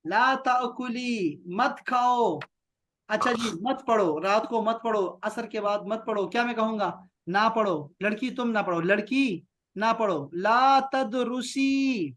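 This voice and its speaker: A man's voice: high-pitched, fairly bright tone. Patient male Arabic teacher on a video call. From Pakistan. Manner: patient, drills phrases slowly and repeats them; praises often. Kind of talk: online lesson for children.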